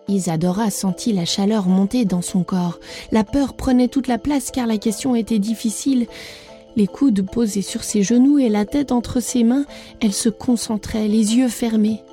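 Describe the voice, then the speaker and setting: A woman reading a fairy tale aloud as a storyteller, in gentle, deliberate narration. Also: a little high, soft background music.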